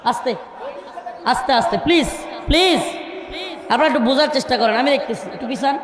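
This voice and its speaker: A man with a notably high voice preaches from a packed stage, alternately pleading with and scolding the restless crowd to keep quiet. Now and then he slows into a chanted recitation of scripture. His voice carries through a stage mic and rings with long, roomy reverb over a faint crowd murmur. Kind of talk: sermon at a crowded religious gathering. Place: crowded stage at a large outdoor gathering.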